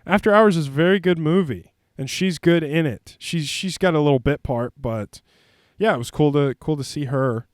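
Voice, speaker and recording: A man's voice: a little high, moderate pace, dry recording, studio quality. A man hosting a casual movie commentary vlog, rambling with lots of fillers and goofy jokes. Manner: rambling, filler-heavy, jokey. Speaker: host.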